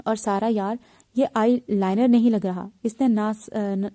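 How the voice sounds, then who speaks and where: A woman's voice: mid-range voice, steady tone, warm tone, natural voice. A woman voicing a playful young woman doctor who boasts about her army husband, in a storybook reading, with a teasing, boastful manner.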